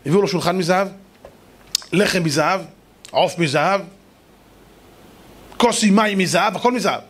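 A man, a rabbi, telling a story in a lively sermon, slangy and addressing his listeners directly. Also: sits high. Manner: animated, slangy, talks to the audience. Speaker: rabbi, preacher.

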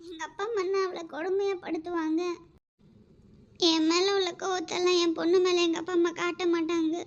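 A woman plays a worried cartoon mother who pleads and soothes, anxious for her daughter. Her voice is very high-pitched. The recording sounds muffled and lo-fi. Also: flat delivery, fairly quick. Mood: pleading.

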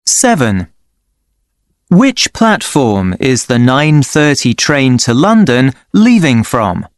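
Slow, deliberate male exam narrator. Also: medium pitch, sing-song, no room sound, clean studio sound. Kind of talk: scripted listening-test narration.

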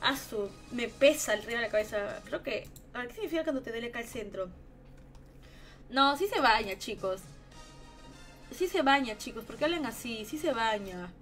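A young woman with a Peruvian accent, streaming games and chatting with her viewers, swearing and breaking into excited yelling. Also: fairly high pitch, moderate pace, faint music behind. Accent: Peruvian Spanish. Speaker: gaming streamer. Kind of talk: casual livestream chat while gaming.

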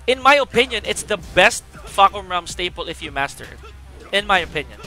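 A man giving casual live-stream game commentary, chatty and excitable as he greets viewers. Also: high-pitched.

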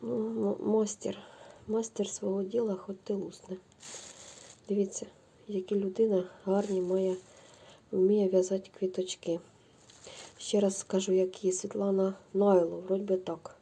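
A woman's voice: mid-range voice, flat delivery, unhurried, vocal fry, long pauses, mellow, a little hiss or hum. A middle-aged woman, chatting effusively to viewers as she shows knitting yarn at home. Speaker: knitting vlogger. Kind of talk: casual show-and-tell chat.

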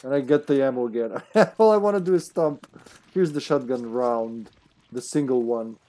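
Playful, excitable male game streamer, mellow tone. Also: medium pitch, moderate pace. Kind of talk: casual chat while playing a co-op game.

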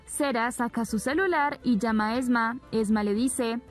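A woman narrating a soap opera recap in a steady storytelling way. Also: on the high side, normal speed. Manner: steady storytelling, repeating "le dice". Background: soft background music.

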